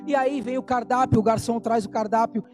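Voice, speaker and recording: A man preaching a sermon, fervent and emphatic, slowing down on key phrases and telling a story. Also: extremely high pitch, steady tone, faint music behind.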